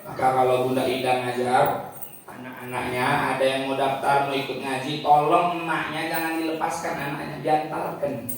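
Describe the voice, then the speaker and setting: A man's voice: mid-range voice, little pitch movement, moderate pace, a little hiss or hum. Dramatic male preacher in an echoey mosque. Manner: dramatic, rising and falling storytelling. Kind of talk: sermon. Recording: echoey mosque hall from far off.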